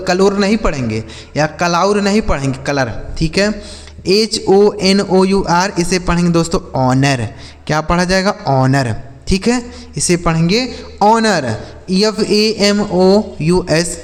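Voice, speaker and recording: High-voiced man teaching English spelling. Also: in a large hall. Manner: spells words letter by letter, then slowly sounds them out; keeps asking the viewers questions and calling them friends. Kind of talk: spoken phonics lesson.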